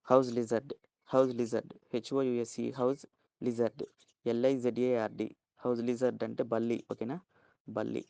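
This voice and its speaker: Man, Telugu accent, vocabulary teacher, spells out letters slowly, gravelly dark voice, dry close sound. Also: mid-range voice, no echo. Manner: spells words letter by letter and keeps asking "okay?". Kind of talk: vocabulary lesson, spelling out words.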